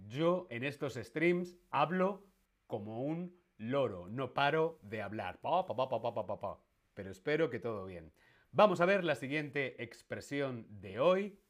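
A man with a Spain Spanish accent teaching a live-streamed language lesson, playful and quizzing his viewers, repeating each question. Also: medium pitch. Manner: makes animal noises in jest.

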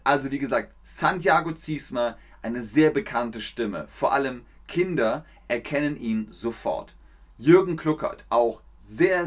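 A man with a Rhineland German accent, hosting a casual livestream lesson and explaining things slowly, with repeats of key sentences. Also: mid-range voice. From Cologne, Germany. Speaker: German teacher, livestream host.

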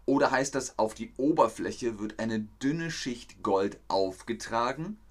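A man teaching a livestreamed German lesson, explaining words slowly and reading out viewer comments. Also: medium pitch.

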